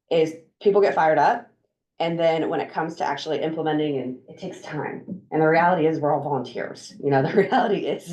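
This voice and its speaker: Woman w/ a low voice, talking through a meeting, lots of ums and restarts. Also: a little mellow, highs cut off. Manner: chatty, upbeat, many fillers and restarts. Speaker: drug council coordinator leading a meeting. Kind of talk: meeting presentation.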